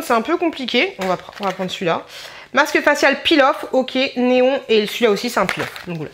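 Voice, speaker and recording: Young woman, beauty vlogger, informal and rambling, slightly high voice, faint background hiss. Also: a bit bright. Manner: chatty, rambling, addresses viewers informally. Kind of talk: casual haul vlog chat.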